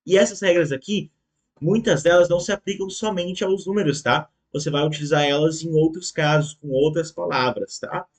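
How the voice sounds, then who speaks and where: A man teaching a German lesson online, slowly and patiently repeating words for the learner and checking in often. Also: on the high side. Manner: ends phrases with checking tags.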